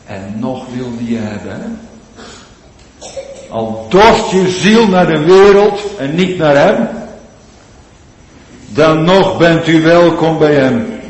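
A man preaching a sermon, swinging between loud pleading cries and hushed, drawn-out low phrases. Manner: slow, drawn-out emphatic delivery. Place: large church. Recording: echoey church hall with long reverb.

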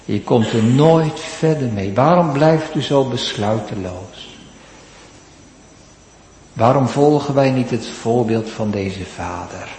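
A man preaching a sermon to his congregation, with dramatic pauses and rising emphasis. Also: mid-range voice, darkish tone, a little hiss or hum. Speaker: pastor. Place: church. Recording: echoey church hall.

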